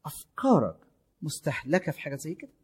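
Fast-talking husky Egyptian preacher. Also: male voice, on the high side, very animated. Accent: Egyptian Arabic. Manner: exhorting, rhetorical questions, varied emphasis. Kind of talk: sermon.

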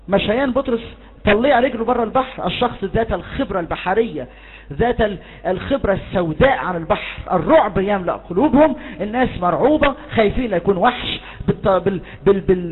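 A man's voice: high-pitched, slightly rough. A man with an Egyptian Arabic accent preaching a charismatic sermon, fervently urging his listeners on and leading them in declarations. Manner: fervent, urges the listeners on and leads shouted declarations. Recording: tinny phone-like recording.

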